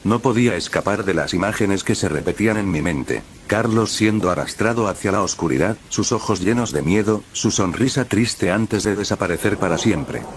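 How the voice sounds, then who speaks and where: A man narrating a first-person horror story in a grave, measured way. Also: fairly low pitch, animated, a little hiss or hum.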